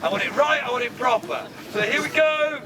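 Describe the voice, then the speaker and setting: Loud, theatrical showman outdoors. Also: extremely high pitch, brisk. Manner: theatrical, loud, joking crowd-work. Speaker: castle archery demonstrator. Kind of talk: live outdoor show to a crowd. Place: outdoors at a castle among a crowd. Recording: distant voice with crowd and outdoor noise.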